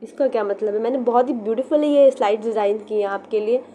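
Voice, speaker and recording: Young woman, exam-prep lecturer, patient step-by-step explainer, slightly high pitch, light background noise. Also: fast, mellow. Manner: explains step by step, repeats key terms, mixes in English. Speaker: literature teacher.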